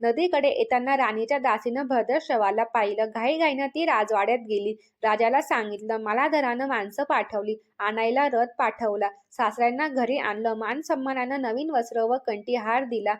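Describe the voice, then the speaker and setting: A woman's voice: on the high side, moderate pace, hardly any pauses, lo-fi sound. A woman narrating a devotional folk tale, voicing all the figures' lines in her own voice. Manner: reads dialogue for every figure in her own voice. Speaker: storyteller.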